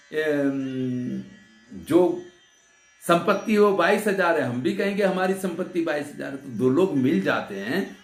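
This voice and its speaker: Male Sanskrit teacher, slightly high voice, slow patient delivery, roomy echo with faint sitar behind. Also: a bit bright. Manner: patient explaining, asks and answers his own questions. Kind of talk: grammar lecture.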